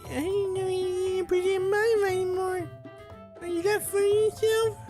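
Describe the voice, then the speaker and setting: A man voicing a cute, hot-tempered teenage girl in a visual novel, shrill and bratty. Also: level tone, normal speed, darkish tone, soft background music. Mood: indignant.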